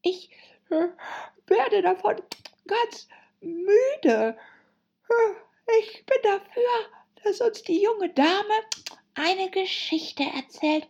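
A woman voicing a bored male March Hare who talks in a yawning, drawn-out, whiny way. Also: high voice, expressive, creaky, lo-fi sound, voice pushed up. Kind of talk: audiobook character voice.

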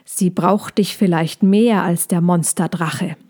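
A woman's voice: fairly low pitch, fairly even intonation, takes it slowly, warm tone. A woman voicing an anxious, fussy male hedgehog in a storybook reading, talking in a fretful, scolding way. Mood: pleading.

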